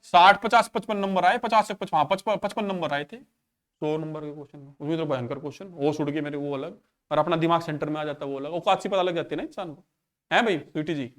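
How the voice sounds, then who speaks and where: Fast-talking, high-voiced male maths teacher. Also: fairly bright tone. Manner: chatty, acts out quoted dialogue. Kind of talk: casual storytelling in a class.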